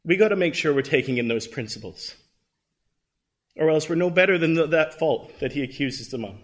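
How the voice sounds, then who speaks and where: This Canadian-accented man in his thirties has a fairly high, animated voice and a brisk pace. His Bible class talk is earnest and conversational, often broken by ums and restarts.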